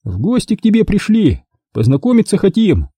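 A swaggering, sneering detective sidekick, as a male reader puts him on in a lively, husky, dark-toned voice pitched well above the reader's own. His threats swing up and down with mocking bravado, recorded close and dry like a studio audiobook. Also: moderate pace, dry recording, exaggerated voice. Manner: mocking, menacing bluster.

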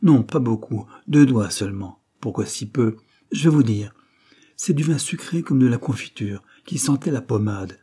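A man's voice: medium pitch, normal speed, breathy edge. A man reading aloud, voicing a blunt young male chauffeur-mechanic who talks in colloquial slang. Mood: chatty. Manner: colloquial, animated working-class talk.

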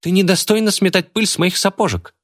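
Bratty young gangster girl played by a man: much higher pitched, shrill, teasing. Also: a little fast, a bit bright. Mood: taunting. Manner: taunting, shrill. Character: vain, bratty young woman gang member.

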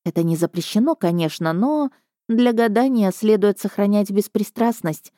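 A woman's voice: mid-range voice, moderate pace, mellow, no echo, studio quality. Woman narrating an audiobook in first person.

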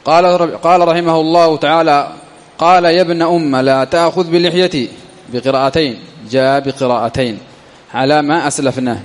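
A man teaching a classical grammar lesson, slowly, often repeating key phrases for his students. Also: fairly high pitch, steady tone. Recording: long echoey reverb.

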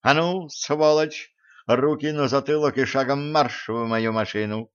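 A man's voice: unhurried, smooth, lightly acted. A man voicing a drunk, enraged woman who screams curses at her husband, in a dull audiobook recording. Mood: shrieking threat. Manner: screaming insults, shrill.

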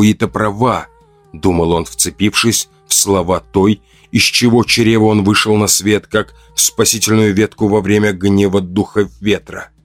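A man narrating an audiobook in a measured, dramatic way. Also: fairly low pitch, no room sound.

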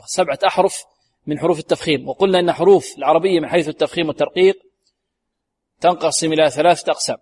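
A man teaching a Quran recitation lesson. He is patient and drills students by sounding out words slowly, repeating them and asking questions. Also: fairly high pitch, slightly rough. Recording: long reverb from a large hall.

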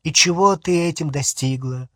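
A man's voice: fairly high pitch, normal speed, pushed and bright, dry recording, clean studio sound, voice pushed up. A man voicing an easygoing, wry teenage boy wizard in an audiobook, with an offhand, teasing manner. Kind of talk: audiobook character voice.

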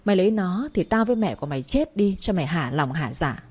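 A woman's voice: lowish voice, sing-song, fast, a little mellow, breathy edge. A woman reading the part of a stern, harsh-tempered old rural father who scolds his son. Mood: scolding. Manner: scolding, curt.

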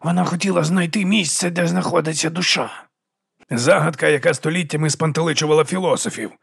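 A man's voice: on the high side, fast, gravelly, a bit bright, breathy edge, no echo, studio quality, pitched above the performer's own voice, full character voice. A man voicing an injured duke who speaks through clenched teeth. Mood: grim strained. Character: wounded older nobleman, grim and strained.

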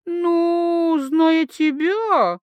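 A woman voicing a tipsy, bold young woman who teases loudly and slurs her words. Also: lively intonation, unhurried, no echo. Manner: slurred, giggly, high-pitched chatter.

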